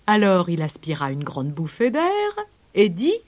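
A woman narrating a children's storybook with a gentle, expressive read-aloud manner. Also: on the low side, unhurried, dry recording.

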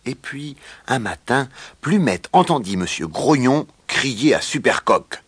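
Male storyteller, children's story, unhurried, very expressive melody. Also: mid-range voice, breathy edge, no room sound. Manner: slow, expressive read-aloud.

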